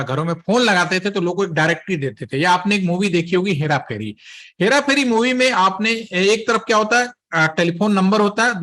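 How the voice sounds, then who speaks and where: A man's voice: high-pitched, a bit bright. A man, teaching trainees a technical lesson, explaining step by step and checking in often. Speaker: instructor.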